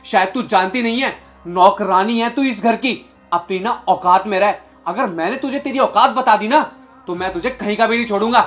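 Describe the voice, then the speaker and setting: A young man voices a short-tempered, arrogant employer in a short film, angrily and contemptuously berating his maid. His high, slightly bright voice moves at a moderate pace, with faint music behind.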